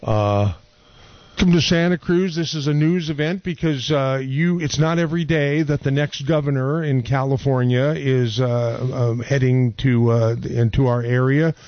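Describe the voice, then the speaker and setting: Halting male radio host. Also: medium pitch, no echo, dull audio. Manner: halting, many fillers. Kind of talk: radio interview.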